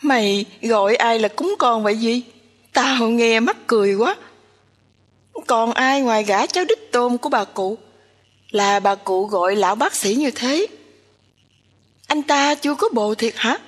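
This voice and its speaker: A woman's voice: on the high side, expressive, a little slow, long pauses. A woman voicing a nosy, teasing young woman who talks in a bossy, chatty way. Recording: long hall reverb.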